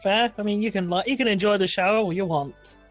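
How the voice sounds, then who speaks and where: A woman's voice: mid-range voice, a little fast, soft background music. A woman co-commenting on a fighting game playthrough with dry, sarcastic asides. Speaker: let's play co-commentator. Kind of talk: casual gaming chat.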